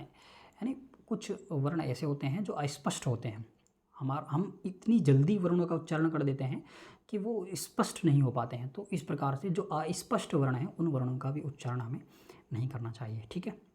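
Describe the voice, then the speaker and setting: A man giving an online lecture, explaining each term slowly with many repetitions and check-ins. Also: on the high side, lively intonation, dark tone. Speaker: Sanskrit teacher.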